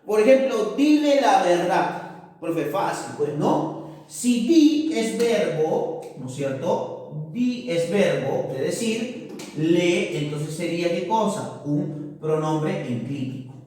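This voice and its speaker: A man teaching a grammar lesson, asking questions in a higher pupil's voice and then answering them himself. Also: lively intonation, slow, a little mellow. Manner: asks and answers his own questions, often in a higher pupil-like voice. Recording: echoey room, voice from far off.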